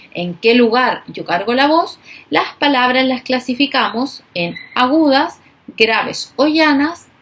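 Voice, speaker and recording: A woman teacher giving a recorded class, speaking slowly and emphatically and stressing each example word. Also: on the high side, fairly bright tone, husky.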